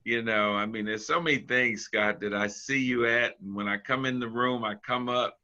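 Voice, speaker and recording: A man hosting a casual interview over a video call, retelling stories in halting, laughing bits. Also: medium pitch, fairly even intonation, sharp tone. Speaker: interview host. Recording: dull lo-fi video call audio.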